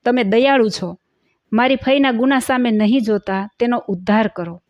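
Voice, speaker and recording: A woman's voice: fairly high pitch, normal speed, darkish tone, no echo, highs cut off, natural voice. A woman voicing a devoted man who earnestly implores God on behalf of his aunt.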